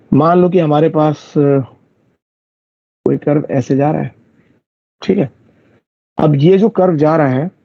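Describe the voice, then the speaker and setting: A male math teacher, his voice gravelly and husky. He talks students through each step and keeps checking that they follow, heard on a dry, dull lo-fi recording. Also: on the high side, dry recording. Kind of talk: live online math class.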